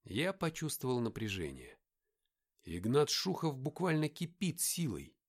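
A man reading a first-person audiobook in an expressive storytelling manner. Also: mid-range voice, measured pace, breathy edge. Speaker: audiobook narrator.

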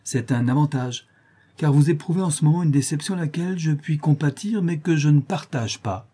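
Aloof young niece, detached and measured, slightly raised pitch , read by a man. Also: warm tone, breathy edge. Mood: cool.

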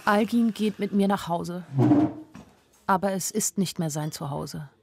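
In a studio radio play with faint music, an actress narrates in the first person as a weary, lovesick young woman. Her fairly low, gravelly voice moves unhurriedly, carrying a little hiss or hum, and her telling is introspective and lyrical, full of weary wonder.

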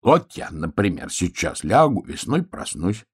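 A man voicing an easygoing male bear cub in a storybook reading, speaking slowly and low. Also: sing-song, breathy edge, full character voice. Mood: drowsy. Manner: slow and low.

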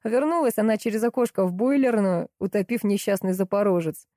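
A woman's voice: medium pitch, fairly quick, dark tone, no room sound, clean studio sound, close to an everyday voice. A woman reading an audiobook, voicing a rude, mocking middle-aged man who talks down to women and jeers bluntly. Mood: sneering. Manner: sneering, blunt, jeering.

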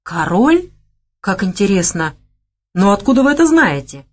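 Young woman vendor, read by a woman narrator: curious, teasing, animated, higher voice. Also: normal speed. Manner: animated, teasing, raised pitch.

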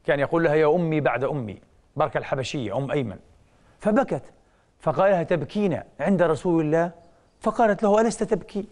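Male preacher, quick delivery, slightly high voice, dramatic rises and whispers, rhetorical questions. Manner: emotive storytelling with sudden rises and hushed drops; rhetorical questions he answers himself. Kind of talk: religious lecture.

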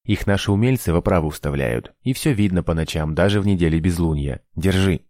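A man's voice: sits low, expressive, fairly quick, darkish tone, no room sound, studio quality. A man voicing a sullen male trapper in an audiobook, gloomy and curt. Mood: brusque. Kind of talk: audiobook character voice.

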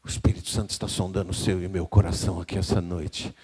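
Emphatic Brazilian pastor preaching. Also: male voice, low-pitched, flat delivery, quick pace, slight background noise. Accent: Brazilian Portuguese. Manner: emphatic preaching that swings between hushed and loud, calling out to the congregation. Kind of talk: live sermon.

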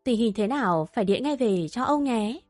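A woman's voice: a little high, lively intonation, normal speed, darkish tone, dry recording, soft background music, close to an everyday voice. A woman playing a stern old grandfather. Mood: gruff. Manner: gruff, commanding. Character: frail elderly grandfather, stern patriarch.

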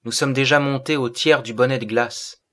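A man's voice: medium pitch, fairly even intonation, normal speed, a bit bright, pitched above the performer's own voice, close to an everyday voice. A man reading the part of a fragile, devoted young woman in an audiobook, in a pleading, breathless way.

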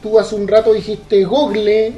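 Chilean dude w a high voice, rambly, keeps restarting, echoey room. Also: male voice, little pitch movement, unhurried, mellow. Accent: Chilean Spanish. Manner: rambling, repeats words while thinking. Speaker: podcast co-host. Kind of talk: casual banter. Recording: roomy echo, faint music.

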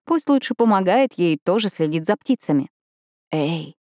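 A woman's voice: mid-range voice, animated, fairly quick, mellow, dry recording, clean studio sound. A woman narrating a novel in an audiobook, in scripted narration.

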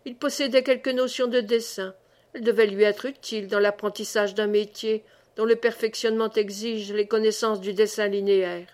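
A woman narrating a classic literary audiobook in a measured, expressive reading. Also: mid-range voice. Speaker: audiobook reader.

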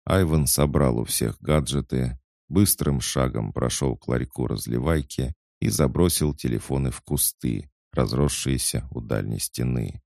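A man narrating an audiobook in a steady, scripted reading. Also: very deep voice, measured pace, gravelly, few pauses, no echo, clean studio sound.

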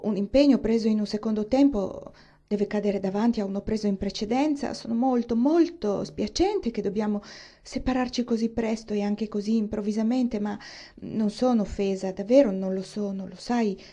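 A woman's voice: medium pitch, moderate pace, warm tone, close to an everyday voice. A woman reading as an earnest young heroine. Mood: reassuring. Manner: earnest, reassuring, thinking aloud. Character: eager, kind-hearted young woman guest.

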